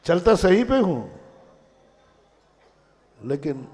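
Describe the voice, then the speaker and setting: Preaching monk in a reverberant hall. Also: male voice, sits high, big pitch swings, drawn-out words, darkish tone. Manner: storytelling, rhetorical questions, voices his own mind in dialogue. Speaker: Jain monk giving a discourse. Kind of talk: sermon.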